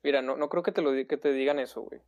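A man hosts a casual livestream chat, full of slang, saying "güey" constantly and joking with viewers. His medium-pitched, darkish voice is steady in tone but racing in pace.

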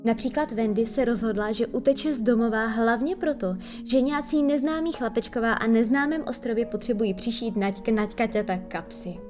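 A woman reads a children's storybook aloud in a lively, expressive voice. Her pitch sits a little high, and faint music plays softly behind her. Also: few pauses. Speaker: audiobook narrator.

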